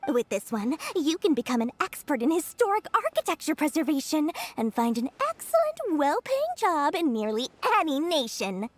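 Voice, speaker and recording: A woman voicing a greedy young merchant in a video game who flatters customers in a smooth sales pitch. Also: moderate pace, few pauses, dry recording. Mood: salesy.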